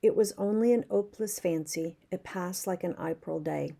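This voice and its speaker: A woman's voice: fairly low pitch, normal speed, vocal fry, warm tone. A woman doing a brawny Irish washerwoman. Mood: wistful. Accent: put-on Irish. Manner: half-spoken song lyrics. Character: brawny working-class washerwoman singing.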